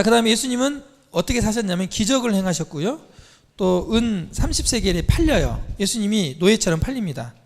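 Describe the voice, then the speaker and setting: Male preacher, high and lively, storyteller who quizzes the pews; reverberant hall. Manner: animated storytelling, quizzing listeners. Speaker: church teacher. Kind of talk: sermon to a congregation.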